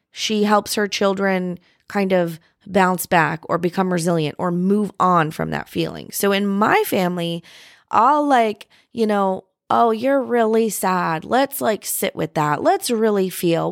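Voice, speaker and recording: A woman's voice: fairly low pitch, no echo, studio quality. A woman in her thirties hosting a casual solo podcast, chatty and reflective, with plenty of "like" and "um" and the odd swear word. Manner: chatty, reflective, heavy use of "like" and "um"; candid, with occasional swearing. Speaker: podcast host.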